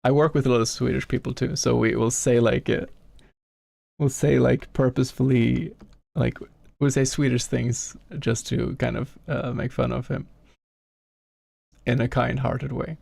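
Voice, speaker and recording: A man's voice: medium pitch, level tone, unhurried, vocal fry, darkish tone, dry recording, clean studio sound. A Norwegian man with a Norwegian accent, chatting casually on a game dev stream, rambling and thinking aloud in a self-deprecating way. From Norway. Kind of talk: casual live-stream chat. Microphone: gifted home studio microphone.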